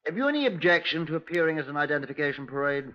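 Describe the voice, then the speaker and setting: In a muffled, dull vintage recording of a 1950s radio crime drama, a man plays a dry, firm Scotland Yard detective inspector. His voice is fairly high, very animated and very fast, with widely varied intonation. He sounds clipped, polite and dryly authoritative, with a probing edge.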